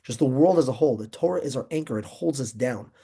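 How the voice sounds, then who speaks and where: Young male Torah teacher: excitable, emphatic delivery, mellow, darker tone. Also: medium pitch, quick pace, gravelly, husky. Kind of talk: informal Torah class.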